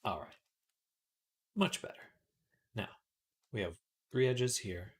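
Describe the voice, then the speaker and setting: Sitting at a computer desk indoors, a 3D artist hosts a casual livestream tutorial, muttering to himself as he works before turning brightly to chat with viewers. His voice is lowish and his pace slow.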